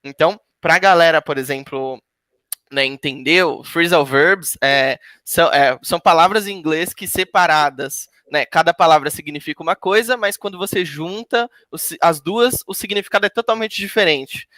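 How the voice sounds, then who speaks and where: Brazilian male host, fairly high voice, explanatory, tag-question habit, dry sound. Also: normal speed, sharp tone, no echo. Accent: Brazilian Portuguese. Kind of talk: casual interview chat.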